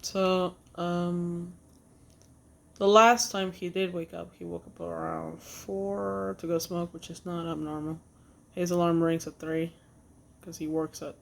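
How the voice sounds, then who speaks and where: A woman recounts a personal story for her vlog in an unpolished, halting way, trailing off and restarting often. Her voice carries a gravelly, creaky edge, and she swears freely and bluntly. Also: fairly low pitch. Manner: halting, with many fillers and restarts. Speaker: vlogger.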